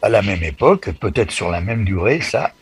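A man in his eighties from the Paris suburbs, a guest on a radio interview, talking in a folksy, halting, wry way. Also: on the low side, lively intonation, husky, dry recording. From Paris suburbs, France. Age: 80s. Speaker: association president, guest.

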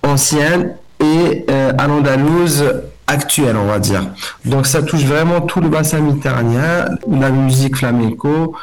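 A man's voice: on the high side, measured pace. A middle-aged man from Algeria, a festival director speaking as a guest in a radio interview, talking with many fillers and restarts.

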